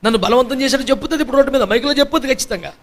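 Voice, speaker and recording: A man with a high voice delivers a fiery sermon as pastor. He hammers points through repetition and rhetorical questions, slipping in mocking asides about those he criticizes. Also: rapid-fire. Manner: emphatic, fires rhetorical questions at the congregation.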